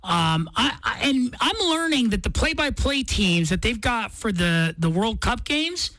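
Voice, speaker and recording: Female radio morning host, higher voice, lively range, conversational and enthusiastic. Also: measured pace, no echo. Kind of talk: casual radio chat.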